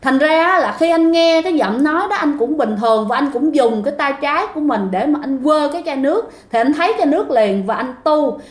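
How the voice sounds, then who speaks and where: A woman tells a ghost story in a relaxed, chatty way and keeps turning to her listeners. Her voice is high. The recording has a roomy echo. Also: fairly quick, few pauses. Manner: chatty, addresses listeners directly. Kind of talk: casual spoken storytelling.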